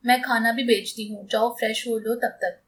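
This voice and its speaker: A woman's voice: a little high, steady tone, normal speed, a little hiss or hum, lightly acted. A woman voicing a feisty, talkative young wife who speaks in a chatty, bold way in an audiobook. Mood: tender.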